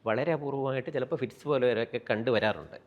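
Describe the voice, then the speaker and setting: A man who is a pediatrician with a Kerala Malayalam accent, calmly explaining child health and dropping in English medical terms. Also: mid-range voice, fast, lo-fi sound. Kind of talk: explaining to an interviewer.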